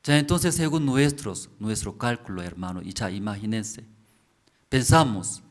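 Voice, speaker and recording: Male pastor, unhurried sermon delivery, keeps asking the congregation questions and repeating words for emphasis. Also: fairly low pitch, lively intonation. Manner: repetitive, asks the congregation questions. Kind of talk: slow sermon explaining scripture.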